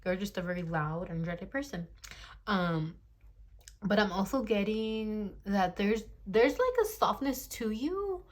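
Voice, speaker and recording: Recorded on a phone, a tarot reader in her twenties chats bluntly to camera during a casual reading, laughing often and cursing freely. She speaks at a measured pace in an expressive, mid-range voice.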